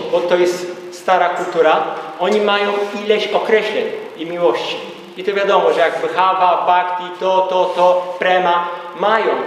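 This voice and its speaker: A man's voice: sits high, a little hiss or hum. A man lecturing to a live audience in an emphatic way, throwing out rhetorical questions. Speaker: speaker at a gathering. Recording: echoey hall from far off.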